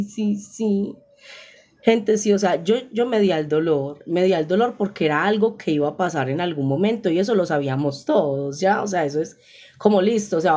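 Speaking into a phone, a young woman with a Paisa Colombian Spanish accent chats casually with viewers on a live stream. Her voice is deep and mellow, and she's exclamatory and quick to laugh.

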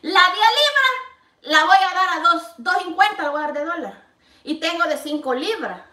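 A bright, high-voiced woman with a Salvadoran Spanish accent, chatting playfully to her viewers while she cooks. She sits back from the mic in an echoey home kitchen. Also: expressive, moderate pace, distant mic. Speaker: vlogger. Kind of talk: casual cooking vlog chat.

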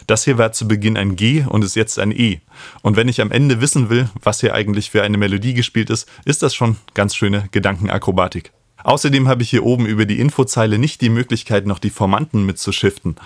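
A man in his thirties who hosts and tutors music production is a fast talker with a lowish voice and steady tone, explaining step by step. He records in a small home studio room indoors, close on a studio microphone on a stand, with no echo.

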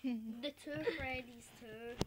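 A woman's voice: fairly high pitch, fairly even intonation, takes it slowly. A woman chatting casually as a companion during a video game, playfully echoing phrases back. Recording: noisy home recording.

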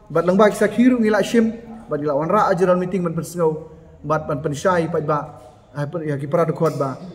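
A man's voice: high-pitched, a little hiss or hum. A man in his thirties giving an emphatic press conference statement, seated at a table in a bare concrete meeting hall, picked up by a camera in front of him. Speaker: association office-bearer at a press meet.

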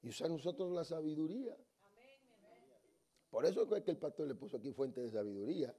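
High-pitched, dark-toned man preaching. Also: expressive, a little fast, breathy edge. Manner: storytelling, swings between soft asides and loud exhortation. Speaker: guest preacher. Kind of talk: lively Spanish-language sermon with humorous anecdotes. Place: church sanctuary.

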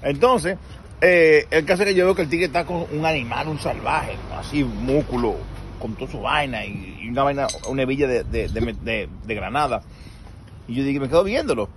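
Animated male vlogger telling a story. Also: mid-range voice, normal speed, slight background noise. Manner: animated, acts out quoted dialogue. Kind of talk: casual storytelling.

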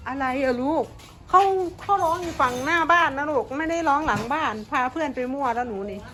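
A woman's voice: high-pitched, fast talker, a bit bright. A middle-aged woman, talking playfully to her dogs in doting baby talk. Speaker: pet owner. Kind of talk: casual vlog talk to pets.

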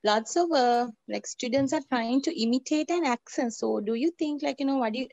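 A woman's voice: high voice, normal speed, gravelly, a little mellow, no room sound. A woman with a Sri Lankan accent politely asking a question in a seminar, hesitant with lots of "like, you know". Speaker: seminar participant.

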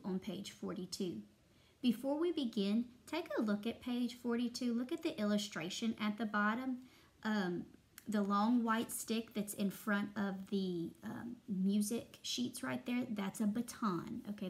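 A young woman teacher reads a children's story aloud with steady pacing and a middle pitch. Between passages she gives patient, simple instructions for young readers. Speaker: first grade teacher.

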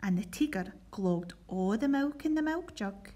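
A woman's voice: mid-range voice, expressive, normal speed, mellow. A woman with a Scottish accent leading a primary school assembly and reading a storybook aloud in an encouraging way.

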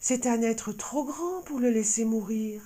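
A tiny female mouse from a storybook, gentle and brave, speaking in a soft, very high, trembling voice, as a man puts her on. The tone is mellow and warm rather than bright. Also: measured pace. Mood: anxious. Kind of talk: storybook character voice.

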